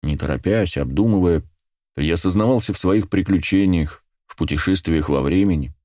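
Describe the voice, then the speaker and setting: A man with a low, dark voice reads a first-person audiobook at a measured, unhurried pace. His delivery is steady and close to the mic. The recording is dry, with no room sound. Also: no echo. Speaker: audiobook narrator.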